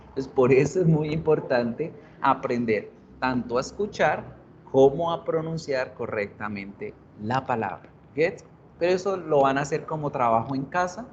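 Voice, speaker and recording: A man teaching an English grammar class online, explaining in Spanish and English, asking students questions and repeating example words. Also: medium pitch. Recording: dull, lo-fi online class audio with faint hiss.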